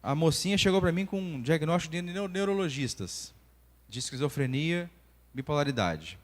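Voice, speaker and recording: A Brazilian man in his forties teaches a church lesson, his voice sitting a little high and swinging up and down as he tells stories. He keeps breaking into the voices of the people he describes. The sound carries the long echo of a church hall. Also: moderate pace. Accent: Brazilian Portuguese. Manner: animated storytelling, acting out dialogue. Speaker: church class teacher and doctor.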